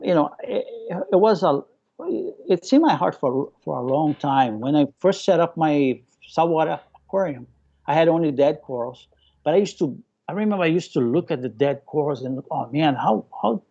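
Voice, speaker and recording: A male hobbyist aquarium keeper, a native Portuguese speaker, tells stories as a guest in a casual live interview, with a Brazilian accent carrying a local Hawaiian touch. He's enthusiastic and excitable, repeating phrases and acting out remembered remarks. His voice is on the high side with a soft, dark tone, and the audio is dull and lo-fi.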